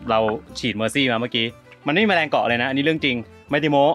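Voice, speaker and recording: A man talking into a handheld camera outdoors on a steep trail, breathing hard from the climb. His pitch sits in a middle range, and his manner is playful and jokey, with loud shouted bursts now and then. Faint music plays under his voice. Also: racing. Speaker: travel vlogger. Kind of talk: casual vlog narration while hiking.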